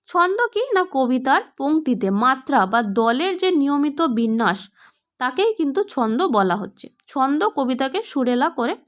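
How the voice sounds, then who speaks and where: A woman's voice: high-pitched, lo-fi sound. A woman teaching an exam prep grammar lesson, asking questions and then answering them herself.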